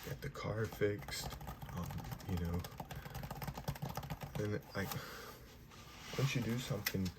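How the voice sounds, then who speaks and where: A young man giving a whispered ASMR pep talk in a soft, reassuring manner. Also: lowish voice, slow pace, pauses often. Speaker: ASMR creator giving positive affirmations. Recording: noisy, clear background hiss.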